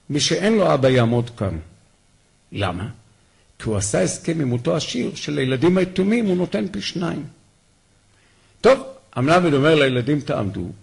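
A man giving a memorial talk, telling heartfelt, animated stories about his rabbi. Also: medium pitch, gravelly, breathy edge.

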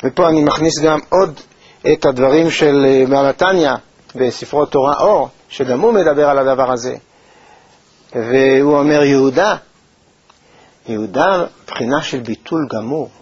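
Man giving a measured Torah lesson. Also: medium pitch, darkish tone, breathy edge, no echo. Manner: measured, thoughtful delivery with pauses and hesitations. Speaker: Torah teacher. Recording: dull, lo-fi recording.

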